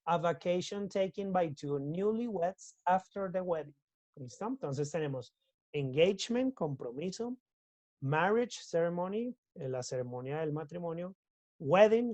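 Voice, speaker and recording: A man's voice: a little high, no echo. Man teaching English, dry sound. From Colombia. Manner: switches between Spanish and English, checks in with repeated "listo?". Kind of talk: recorded class explanation.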